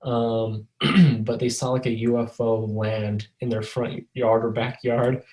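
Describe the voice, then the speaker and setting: A man with a medium-pitched, flat, slightly mellow voice speaks slowly while co-hosting a podcast. The chat is casual, rambling and full of profane jokes. He's on a video call over a mobile hotspot, and the audio quality is poor.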